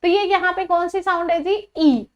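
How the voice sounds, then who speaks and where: A woman's voice: extremely high pitch, steady tone. A woman teacher giving a pronunciation lesson, quizzing her pupils and drawing out each example sound. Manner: repetitive, drawn-out example sounds and questions to pupils. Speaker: English teacher.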